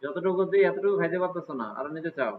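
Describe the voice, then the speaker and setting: Teacher with tinny lo-fi sound. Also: male voice, fairly high pitch, very fast. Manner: casual, asks students frequent check questions. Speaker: computer class teacher. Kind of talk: live class walkthrough. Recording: tinny phone-like audio with faint hiss.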